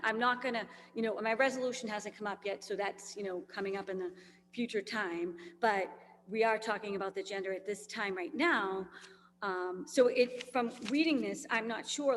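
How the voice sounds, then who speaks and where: A woman's voice: mid-range voice, a bit bright. Tired woman rambling in a reverberant chamber. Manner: rambling, many fillers. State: tired, losing her voice. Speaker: school committee member. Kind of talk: meeting discussion. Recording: long reverb, faint hum.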